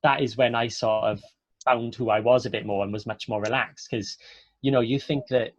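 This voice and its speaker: On a close, dry webinar call, a man from south Wales talks to students in a chatty, earnest way, encouraging them with informal advice. He's an actor with a Welsh accent and a mid-range voice, steady and at normal speed, though the dry audio sounds dull.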